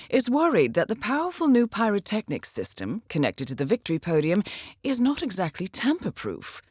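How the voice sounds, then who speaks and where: In this video game clip, a female mission handler with a mid-range voice briefs an assassin, played by an actress as composed and quietly witty. She keeps it formal, understated and ironic. The studio-quality audio has no room sound.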